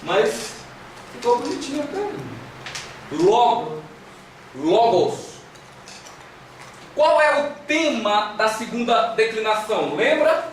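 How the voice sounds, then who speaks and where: Speaking slowly with long pauses, this man has a very high-pitched voice that swings widely in pitch. He leads a Greek class with a Brazilian Portuguese accent, making students repeat syllables and prompting them with gentle questions. The classroom echoes, the mic is distant, and a faint hiss runs underneath.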